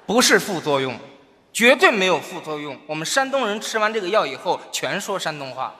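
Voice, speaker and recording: A man's voice: sits high, big pitch swings, fairly quick, noisy background. A man performing stage crosstalk comedy as a coaxing, bossy straight man. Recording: live hall with faint ambience.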